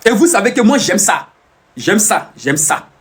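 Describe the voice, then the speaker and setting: High-voiced, animated man. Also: a little slow. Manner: boastful, teasing, repeats phrases over and over. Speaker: live streamer. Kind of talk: casual boastful live-stream talk.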